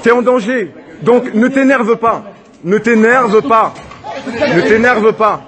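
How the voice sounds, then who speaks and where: A man with a very high voice shouts outdoors in a city street, pleading with the police and repeating himself. He films on his phone, and a loud crowd can be heard around him on this amateur video. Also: takes it slowly. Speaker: bystander filming an arrest. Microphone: phone camera held while filming. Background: crowd of onlookers.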